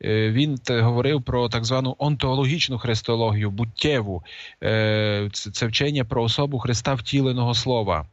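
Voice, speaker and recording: A man lectures without a script, stopping often to fill gaps with hesitant sounds and restart his sentences. His voice sits at an ordinary middle pitch. The recording is dull and lo-fi, with a dry sound and no room echo. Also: moderate pace. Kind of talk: unscripted lecture.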